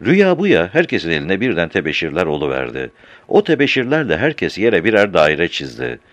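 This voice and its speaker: A man reading a story aloud in an animated, expressive way, changing his voice for each character. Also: sits low, fairly quick, no room sound. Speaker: narrator.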